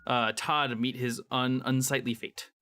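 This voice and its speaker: Game master, man, bright tone, easygoing, encouraging. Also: mid-range voice, little pitch movement, unhurried. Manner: easygoing, encouraging, laughs often. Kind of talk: running a tabletop game.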